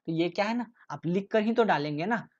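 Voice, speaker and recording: A man's voice: high-pitched, brisk. Man tutoring casually, dull lo-fi sound. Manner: explains with rhetorical questions, often adds "ठीक है". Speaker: tutor explaining exam topics. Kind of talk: casual lecture.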